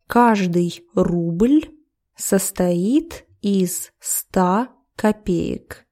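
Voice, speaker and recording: A woman teaching a language lesson, explaining each phrase of a text step by step in a deliberate way. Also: mid-range voice, warm tone.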